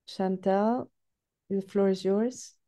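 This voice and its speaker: A woman's voice: mid-range voice, fairly even intonation, slow, dark tone. A woman moderating an online meeting over a video call.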